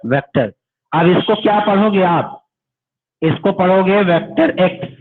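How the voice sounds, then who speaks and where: A man's voice: high voice, measured pace. A male physics teacher, giving an online class lecture. He calls his students "beta", asks them questions and then answers them himself. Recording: tinny phone-like audio.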